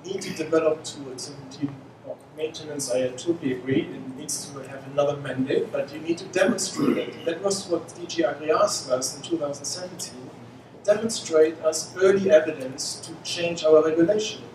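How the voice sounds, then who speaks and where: On an indoor conference panel, a mission scientist with a voice a little on the high side talks in halting fashion, restarting often and leaning on fillers. His handheld mic is captured from a distance, leaving the recording noisy and echoing through the hall.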